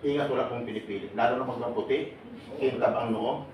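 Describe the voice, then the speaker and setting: A man's voice: medium pitch, fairly even intonation, brisk, a little mellow. A man leads a seminar for a live crowd, bantering, laughing and throwing questions at the listeners. His voice sits in the middle range and comes from some distance from the mic, caught in a large echoing hall with faint noise underneath. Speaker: seminar speaker for overseas workers. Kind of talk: lively seminar talk to a live audience. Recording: echoey hall, voice from far off.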